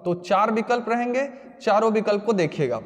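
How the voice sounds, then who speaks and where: A man's voice: high-pitched, expressive, a little fast, big-room sound. A man teaching Hindi grammar for an exam-coaching class, emphatic and repetitive, drilling students with questions and answers.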